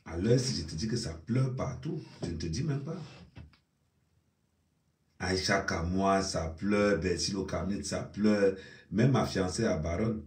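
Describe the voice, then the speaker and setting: A man's voice: measured pace, darkish tone. Teasing man with a Cameroonian accent. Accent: Cameroonian French. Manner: teasing, mock-consoling, low-key. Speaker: comedic commentator. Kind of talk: mocking live commentary. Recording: roomy echo, distant mic.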